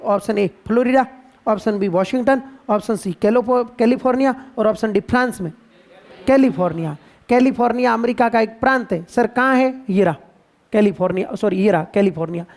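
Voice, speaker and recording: Playful Rajasthani Hindi classroom teacher. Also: male voice, very high-pitched. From India. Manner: playful, quizzing students with call-and-response and drawn-out repetitions. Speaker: geography teacher. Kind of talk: classroom lecture. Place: classroom with students.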